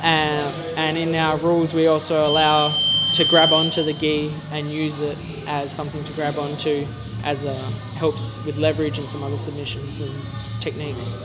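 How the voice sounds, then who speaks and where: A man's voice: on the high side, completely flat delivery, normal speed, loud music behind the voice. A jiu-jitsu coach, a man, answering interview questions plainly with many ums and uhs. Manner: hesitant, many fillers.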